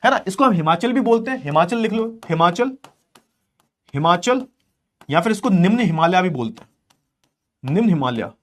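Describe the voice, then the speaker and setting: A male teacher rushes through an exam-prep lecture at a quick clip, his voice pitched high. He keeps repeating key terms and firing rhetorical questions at the class. He urges students to keep up while he sketches on the board. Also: lively intonation. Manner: explains while drawing on a board.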